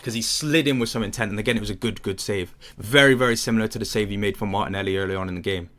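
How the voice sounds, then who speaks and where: A young Englishman with a lowish, slightly bright voice talks very fast while hosting a football watchalong. He commentates casually and chats with viewers, answering their questions and rambling with lots of fillers.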